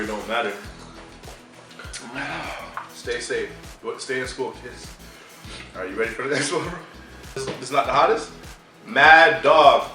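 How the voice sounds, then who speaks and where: A man's voice: medium pitch, pushed and bright. A young man, a rapper, chatting casually, hesitant and slangy, often laughing. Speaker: guest, rapper. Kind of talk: casual chat. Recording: echoey room, mic at a distance, music behind.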